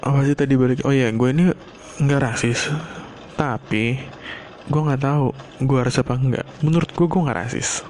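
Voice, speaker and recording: A man's voice: mid-range voice, steady tone, moderate pace, pauses often, a little mellow, slight background noise. A man, talking in a loose solo monologue at home, rambling and swearing casually. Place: home room, not a studio.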